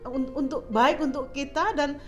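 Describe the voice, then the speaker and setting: A woman's voice: high voice, measured pace, faint music behind. A woman telling her faith testimony in casual chat, mixing English phrases into her talk and laughing often. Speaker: guest sharing a testimony.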